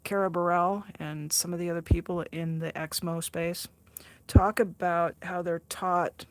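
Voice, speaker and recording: On her art livestream, a woman in her sixties reads and replies to viewer chat in a casual, chatty way, laughing often, teasing herself, and restarting a lot. Her fairly low voice is fairly even in intonation and a little slow, with no room sound.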